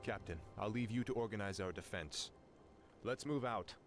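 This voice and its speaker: An actor playing a grim, commanding young prince bent on vengeance in a video game, speaking tersely. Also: male voice, on the low side, normal speed, natural voice. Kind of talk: video game character acting. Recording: clear music bed behind the voice.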